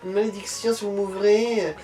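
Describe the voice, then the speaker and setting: A woman's voice: medium pitch, flat delivery, normal speed, mellow, lightly acted. A woman voicing a polite female prisoner in a video game, pleading and a little hesitant as she reads. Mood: coaxing, pleading. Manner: imploring, hesitant read-aloud dialogue. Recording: roomy, distant mic, game music behind.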